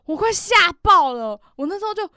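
A woman telling a story in casual chat, animated and laughing often, with many fillers. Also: very high-pitched, brisk, no room sound, clean studio sound.

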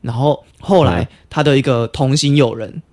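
A man's voice: medium pitch, normal speed. A man with a Taiwanese Mandarin accent, co-hosting a podcast and telling a funny story in casual chat, laughing often. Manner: animated, laughs a lot while telling a story. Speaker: podcast co-host.

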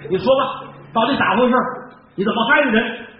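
Man doing a bossy old magistrate, barks orders, high and animated, dull far-off live recording. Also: background noise. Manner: bossy, gruff, quick to order beatings. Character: blustering old-style county magistrate, man. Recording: echoey, distant, dull live stage recording.

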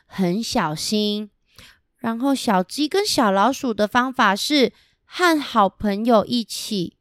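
A woman's voice: on the high side, a bit bright, clean tone, dry recording, clean studio sound. A woman voicing a timid little rabbit working up courage, hesitant and earnest, as if reading to a toddler.

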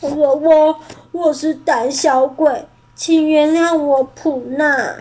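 A woman voicing a timid, gentle male tyrannosaurus in a storybook, stammering and tearful. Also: high-pitched, fairly even intonation, takes it slowly, voice pushed up.

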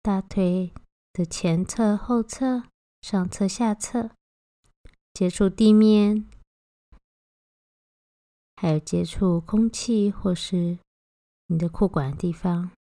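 A woman guiding a body-scan meditation, giving gentle, unhurried instructions with long pauses between phrases. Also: medium pitch, no echo, clean studio sound. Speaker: meditation guide.

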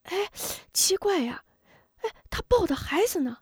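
A woman's voice: very high-pitched, sing-song, measured pace, no room sound, studio quality, voice pushed up, full character voice. A woman doing a fawning bandit soldier. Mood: puzzled. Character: male bandit soldier, fawning to his chief.

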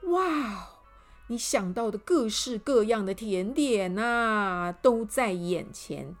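Slow, animated woman storyteller for kids. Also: mid-range voice, faint music behind. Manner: animated, addressing children directly. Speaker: children's storyteller. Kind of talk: storybook reading for children.

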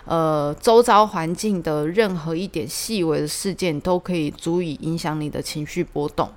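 A woman hosting a casual solo podcast, telling stories in a chatty, animated way with lots of fillers. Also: low voice, normal speed. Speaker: podcast host.

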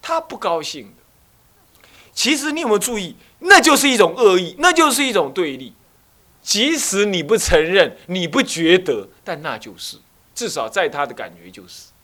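A man with a Taiwanese Mandarin accent, a Buddhist abbot giving a dharma talk, animated and full of rhetorical questions to his listeners. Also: high voice, normal speed. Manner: slips into acted voices of family members.

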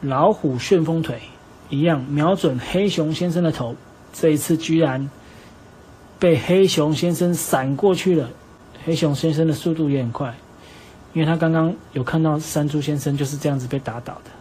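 A man with a Taiwanese Mandarin accent gently improvising a bedtime story for his child and patiently answering questions, recorded on a phone at home. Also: a little high, normal speed, slight background noise. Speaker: father telling a bedtime story.

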